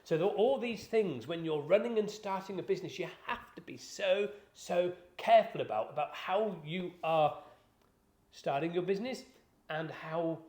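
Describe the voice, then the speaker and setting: A man's voice: high-pitched, expressive, normal speed, a little mellow. A man talks business casually, his slightly raised voice wandering through fillers and restarts. The room adds a noticeable echo around him. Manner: rambling, conversational, many fillers and restarts. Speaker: business podcast host. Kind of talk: casual explanatory chat.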